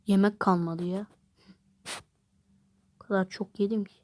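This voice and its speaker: A woman's voice: mid-range voice, steady tone, a little slow, a little mellow. A woman chatting through a mobile game, commenting casually and crying out when things go wrong. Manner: chatty, exclaims and groans at the game. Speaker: gameplay vlogger. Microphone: phone.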